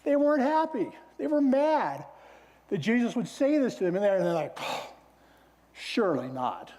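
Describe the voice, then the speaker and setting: A man preaching a sermon as pastor, in a relaxed, conversational storytelling way. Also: very high-pitched, fairly quick. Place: church sanctuary. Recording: long church hall reverb.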